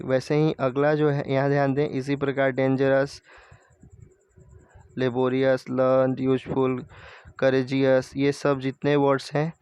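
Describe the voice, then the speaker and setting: A man's voice: mid-range voice, a little mellow, smooth, no room sound, lo-fi sound. A man teaching a grammar lesson, patiently repeating and checking each point as he explains.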